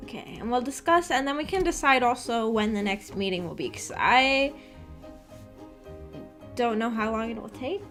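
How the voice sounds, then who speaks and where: A woman streamer hosting a visual novel book club chats casually and enthusiastically with her viewers, her informal phrasing full of "like." Her voice is on the high side, expressive and a bit bright, at a moderate pace, with soft background music.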